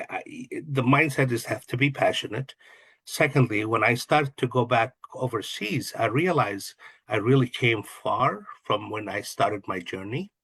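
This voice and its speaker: A man's voice: on the low side, fairly bright tone, husky, no room sound. A middle-aged man from Kuwait, a guest in an interview, answering in an earnest, reflective way and often restarting his sentences. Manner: earnest, reflective, lists ideas with repeated restarts. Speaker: guest, real estate investor and coach.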